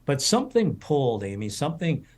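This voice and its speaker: A man's voice: mid-range voice, sing-song, fairly quick, darkish tone, a little hiss or hum. A man in his fifties, a culinary school president, telling stories in an interview with many restarts and fillers. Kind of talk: storytelling interview answers.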